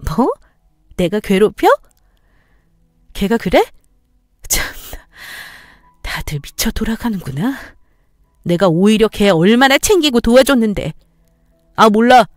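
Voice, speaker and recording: A woman's voice: mid-range voice, animated, slow, long pauses, no room sound, clean studio sound, soft background music. A woman playing a betrayed, furious wife. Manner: shouting, cutting retorts. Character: betrayed furious young wife, sharp-tongued. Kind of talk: story radio voice acting.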